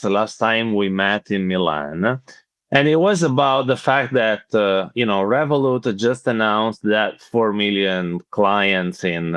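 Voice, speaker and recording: An Italian-accented man with a low, smooth, resonant voice hosts a relaxed interview. He speaks haltingly and fills his pauses with "uh". The recording is dry and close. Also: dry recording. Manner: halting, many "uh" fillers. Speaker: podcast host. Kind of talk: casual interview.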